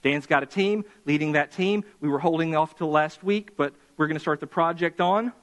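A man with a high, light voice preaching to his congregation in a church sanctuary. He talks in an impassioned way and slows right down to press his points home. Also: a bit bright. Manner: impassioned preaching, slowing for emphasis. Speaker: pastor. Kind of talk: sermon.

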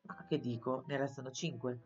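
A woman's voice: a bass voice, fairly even intonation, moderate pace, muffled recording, soft background music. A woman voicing a bumbling, fretful prison guard. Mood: baffled. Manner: fretful, pleading.

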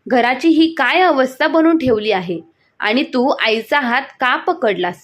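A woman's voice: sits high, animated, unhurried, a bit bright. A woman voicing a worried grown son and husband who asks anxious questions. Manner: questioning, concerned.

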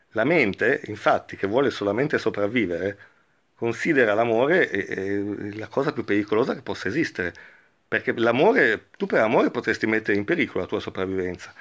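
A man giving a reflective spiritual talk and reading a parable aloud, speaking slowly and thoughtfully with frequent pauses. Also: on the low side, fairly bright tone. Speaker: spiritual teacher.

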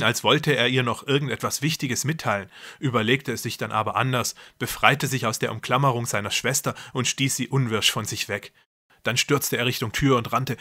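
A man reading aloud from his own novel in a steady, measured storytelling voice. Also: medium pitch, no echo, clean studio sound. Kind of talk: audiobook-style reading of a novel.

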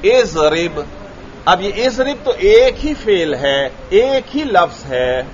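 A man's voice: high voice, lo-fi sound. A man from Pakistan with a Pakistani Urdu accent, teaching a classroom grammar lecture and asking his students questions, then repeating their answers.

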